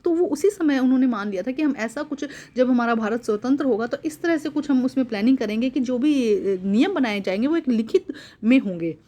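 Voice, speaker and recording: A fairly high-voiced woman teaches from a worksheet. She reads each point aloud, then explains it again more simply, with English words mixed in. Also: animated, a little fast, mellow.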